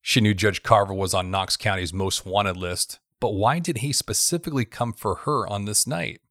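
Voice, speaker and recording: A man narrating a thriller story in a steady, even storytelling voice. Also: on the low side, moderate pace, no room sound, studio quality.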